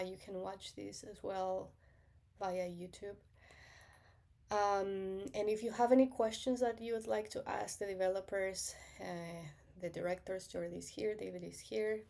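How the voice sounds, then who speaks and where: A woman hosts a casual livestream, welcoming viewers and stumbling through small hesitations. Her voice has a gravelly fry and sits at a middle pitch. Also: darkish tone. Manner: friendly, hesitant, many fillers. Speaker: livestream host.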